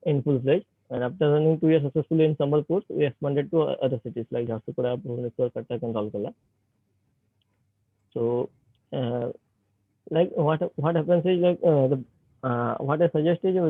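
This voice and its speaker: A man's voice: fairly high pitch, no room sound. Young Indian man on a breaking video call. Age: 20s. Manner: hesitant, full of fillers and restarts. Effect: bad connection on a video call, voice breaking. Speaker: guest speaker, startup founder. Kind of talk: informal talk to students over a video call. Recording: tinny lo-fi call line, dry.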